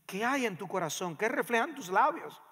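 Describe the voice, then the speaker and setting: A man preaches a sermon from the pulpit, his raised voice high and sharp. He pushes hard on key phrases, then pulls back to a near hush. A long reverb from the church sanctuary trails each line. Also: big pitch swings, moderate pace, breathy edge. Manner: emphatic preaching that swings between loud and hushed. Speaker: pastor.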